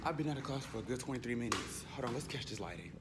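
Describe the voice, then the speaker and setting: A man's voice: mid-range voice, lively intonation, racing. A young man, a student in his late teens, vlogging at school with a handheld camera, mumbling and swearing to the viewers. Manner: profane and mumbling to camera, loud and rowdy with friends. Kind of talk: casual vlog. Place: school hallways and rooms, indoors. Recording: noisy school with crowd chatter. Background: students chattering and ambient noise.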